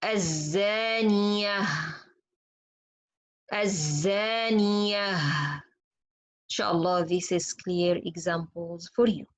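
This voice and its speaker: A woman whose first language is Arabic teaches Quran pronunciation in an online lesson, patiently demonstrating letter sounds. Her voice is fairly low in pitch, and the recording quality is poor.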